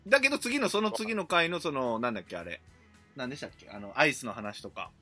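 A man's voice: mid-range voice, fast talker, faint music behind. A man with a Kansai accent co-hosting a casual comedy podcast, acting out lines as he retells them. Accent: Kansai Japanese. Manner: animated, acts out quoted lines with loud jumps. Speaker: podcast co-host.

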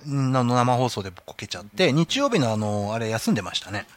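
A man's voice: mid-range voice, a little fast, slight background noise. A man co-hosting a casual podcast chat with an easygoing, agreeable manner, often echoing "yes, yes". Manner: relaxed, agreeable, lots of "sou sou". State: hiccuping. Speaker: podcast co-host.

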